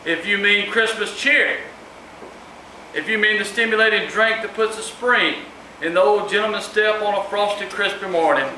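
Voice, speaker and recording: An author addresses the room at a live book event, his high, bright voice forceful at a moderate pace. The distant microphone picks up an echoey, noisy space.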